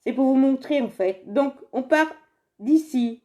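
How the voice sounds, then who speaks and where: A makeup direct seller from near Saint-Étienne, France, talks at a measured pace in a slightly high, somewhat mellow voice. Facing her phone camera at home, she gives a casual live beauty demonstration, chatting and rambling, laughing often, and speaking to viewers by name.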